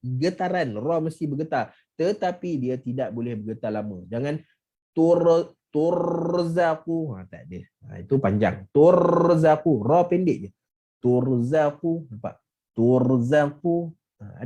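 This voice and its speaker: A Malaysian man teaching Quran recitation rules in an online class, repeating sample words slowly and clearly for students. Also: medium pitch, expressive, warm tone. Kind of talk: online tajwid lesson.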